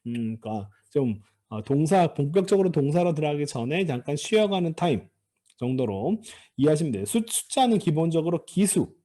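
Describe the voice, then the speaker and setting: Lively, mellow-voiced man teaching grammar. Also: brisk. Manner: explanatory, many fillers and restarts, pitch swinging widely. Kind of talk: lecture.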